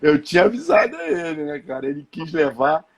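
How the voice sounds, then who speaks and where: A man telling a lively anecdote as the guest journalist in a live chat, acting out the shouted quotes. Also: fairly high pitch, brisk, crowd noise. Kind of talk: animated storytelling in a live chat.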